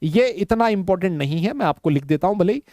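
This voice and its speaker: A man's voice: high-pitched, expressive, fast, a little mellow, no room sound, clean studio sound. A man teaching a live online chemistry class, teasing and bantering with his students as he explains. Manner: teasing, banters with students in Hindi-English mix.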